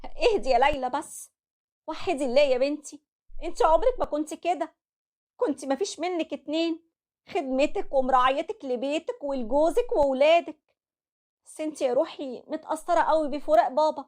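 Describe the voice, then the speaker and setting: A woman with an Egyptian accent voicing a gentle, pious mother soothing her daughter. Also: high voice, fast, pitched above the performer's own voice. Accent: Egyptian Arabic. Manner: soothing, tender.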